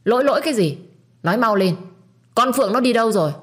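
Woman voicing a harsh storybook grandmother: loud, bossy, sharp-tongued. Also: fairly low pitch, lively intonation, fairly quick, lightly acted. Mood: scolding. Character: harsh, scolding old grandmother.

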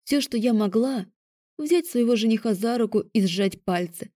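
Woman reading an audiobook, calm and even, mellow voice, dry close sound. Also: a little high, moderate pace, no room sound. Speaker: audiobook narrator. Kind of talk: scripted first-person audiobook narration.

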